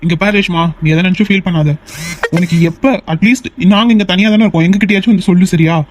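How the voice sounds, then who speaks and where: A man's voice: high voice, quick pace, dry recording, lightly acted. A man voicing a caring young man in a cartoon, reassuring a friend and urgently asking for help. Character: caring young man, older brother figure. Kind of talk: cartoon voice acting. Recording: dull lo-fi recording.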